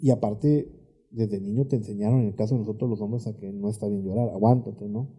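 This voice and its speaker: A man with a Mexican accent, a therapist guest explaining emotions in a calm, reflective podcast conversation. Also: lowish voice, fairly quick, husky.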